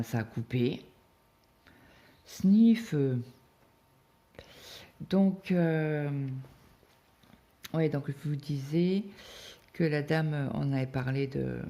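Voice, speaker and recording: A woman's voice: a bass voice, dark tone. A woman in her fifties chatting casually as she cross-stitches, telling stories with lots of hesitations and tag words, recorded on a phone. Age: 50s. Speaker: craft vlogger.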